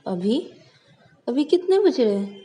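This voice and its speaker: Woman doing a laid-back young guy, hesitant, still sounds high. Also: sing-song, measured pace, warm tone. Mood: casual. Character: young man, younger brother, relaxed.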